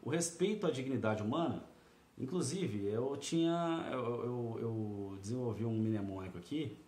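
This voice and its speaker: A man's voice: medium pitch, measured pace, darkish tone. A man tutoring through a practice exam in a casual video lesson, chatty and often checking in with the viewer. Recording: echoey room.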